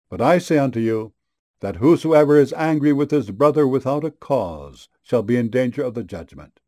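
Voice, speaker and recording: A man reading verses of scripture aloud in a measured, solemn way. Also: medium pitch, vocal fry, darkish tone.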